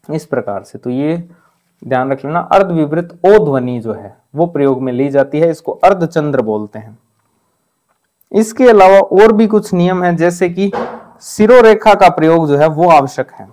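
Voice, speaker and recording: Guy teaching grammar for exams, kinda high voice, keeps saying "ठीक है" and repeating the right way to say stuff. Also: darkish tone. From Rajasthan. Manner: repeats points with frequent "ठीक है" check-ins; drills correct pronunciations, contrasting right and wrong forms. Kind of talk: exam-prep grammar lesson.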